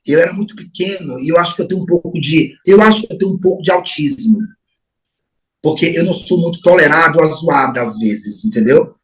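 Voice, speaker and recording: A middle-aged Brazilian man in an interview, recalling his family in an unhurried, reflective way, lingering on words and trailing off into soft asides. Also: on the high side, poor audio. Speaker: interview guest. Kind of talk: reflective personal memories.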